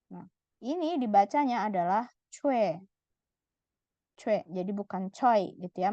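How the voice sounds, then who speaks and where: A woman with a slightly high, warm voice patiently teaches Korean letters step by step, sounding out each syllable and repeating it. The lesson is slow, recorded with no room sound in slightly dull, lo-fi audio.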